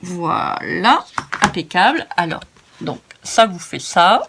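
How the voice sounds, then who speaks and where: A woman's voice: fairly low pitch, big pitch swings, takes it slowly, background noise. A French-speaking woman hosting a crafting tutorial, chatty and self-mocking as she narrates each step. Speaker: craft video host.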